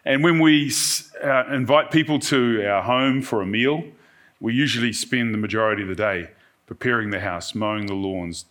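A man's voice: lowish voice, fairly bright tone. A man with a New Zealand accent speaks as a pastor, giving a conversational sermon and checking in with his listeners. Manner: checks in with listeners using short tag questions. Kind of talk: conversational evening sermon to a congregation.

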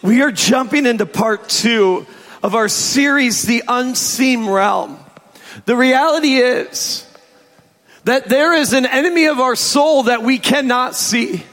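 Hoarse, high-pitched male preacher in a hall. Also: slow pace, a bit bright. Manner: emphatic, stretches key phrases for effect. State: hoarse, strained sore throat. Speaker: pastor preaching to congregation. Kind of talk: sermon. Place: church service, amplified in a large room. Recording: echoey large hall reverb.

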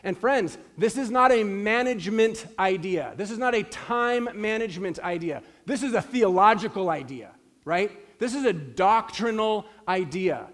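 A pastor in his forties delivers a sermon with a notably high voice. He speaks earnestly and with emphasis, often repeating a phrase to drive a point home. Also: animated, moderate pace, a bit bright. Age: 40s.

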